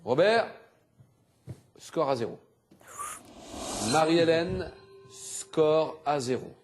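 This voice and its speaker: A man hosting a TV quiz show, animated and exclamatory, reading clues and teasing contestants in a studio. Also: fairly high pitch, drawn-out words, over music.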